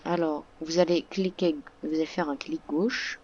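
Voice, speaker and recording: A woman's voice: sits low, fairly even intonation, moderate pace, a little mellow, muffled recording. A woman talking through a game tutorial in a casual voice-over, hesitant, with many fillers and restarts. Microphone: computer microphone.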